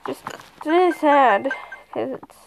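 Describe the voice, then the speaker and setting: A woman's voice: high-pitched, lively intonation, takes it slowly, gravelly, background noise. A woman vlogger giving casual, rambling commentary while playing a game, her sentences trailing off.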